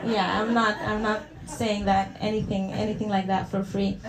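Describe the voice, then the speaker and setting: Speaking at a moderate pace in a medium-pitched, level voice, a young comedian from El Salvador performs a stand-up set in a Salvadoran Spanish accent. She's hesitant and pokes fun at herself, often restarting and using fillers. A crowd can be heard, along with laughter in the echoey venue.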